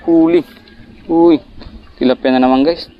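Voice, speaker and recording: A man vlogging while fishing outdoors, chatting to viewers and breaking into excited bursts at each bite. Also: on the high side, normal speed, highs cut off. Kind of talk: casual fishing vlog narration. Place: outdoors by the water, rural.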